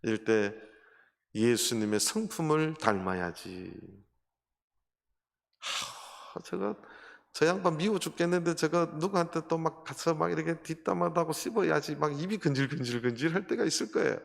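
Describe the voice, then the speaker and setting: A man's voice: a little high, lively intonation, normal speed, creaky. A man preaching a sermon as a pastor, telling a story and putting rhetorical questions to the congregation. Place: church sanctuary. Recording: long hall reverb.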